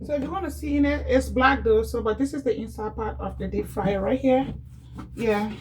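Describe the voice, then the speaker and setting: A Liberian woman demonstrates cleaning in a casual home how-to vlog, chatty and repetitive, often calling her viewers "guys." Her voice is a little high and a little mellow at normal speed, over background music.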